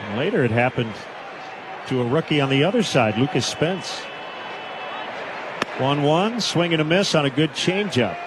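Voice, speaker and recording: A man calling radio baseball play-by-play, with brisk calls that climb into shouts on big hits. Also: fairly high pitch, expressive, a crowd in the background, noisy background. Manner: brisk calls that rise into shouted home run calls. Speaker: play-by-play announcer.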